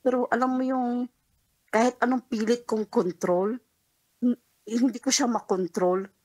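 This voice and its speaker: A woman's voice: a little high, steady tone, a little slow, mellow, poor audio. A woman calling in to a late-night radio show, telling a personal story in a rambling way, acting out the dialogue and breaking into nervous laughs. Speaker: caller.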